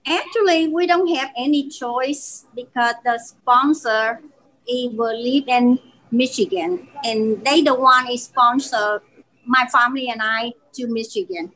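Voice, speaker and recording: A woman's voice: fairly high pitch, fairly bright tone, poor audio. Vietnamese-accented woman telling her story. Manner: earnest storytelling with frequent restarts. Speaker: restaurant owner. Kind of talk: podcast interview.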